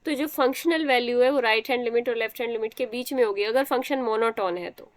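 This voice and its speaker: A woman's voice: on the high side, fast talker, no echo. A young woman teaching a math class, explaining step by step and quizzing students as she goes. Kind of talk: live online math class.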